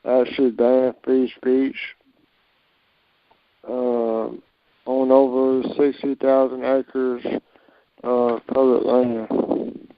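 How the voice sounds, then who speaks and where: Slow-talking man on a hazy phone line. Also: mid-range voice, little pitch movement, no echo. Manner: slow and hesitant, reading aloud. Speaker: caller. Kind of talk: casual conference call chat.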